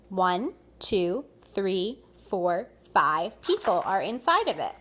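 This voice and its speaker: A preschool teacher with a high-pitched voice reads aloud to children slowly, deliberately and expressively. She pauses over words for her young listeners and adds asides, making the read-aloud animated.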